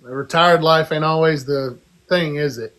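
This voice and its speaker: A man's voice: fairly high pitch, moderate pace, background noise. A man in a casual podcast chat, teasing and joking with his friends. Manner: teasing, jokey. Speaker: podcast co-host.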